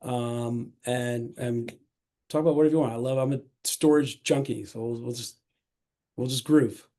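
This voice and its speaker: A middle-aged man talking as a podcast guest in a casual, energetic and enthusiastic way, often restarting his sentences. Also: medium pitch, normal speed. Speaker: podcast guest, self-storage investor. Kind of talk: casual interview talk.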